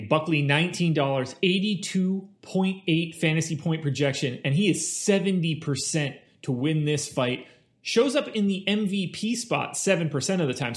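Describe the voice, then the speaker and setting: A man hosting a fantasy sports picks show, talking through stats and rankings in a casual, conversational presenter style. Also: a little high. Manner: casual, conversational, stat-heavy delivery.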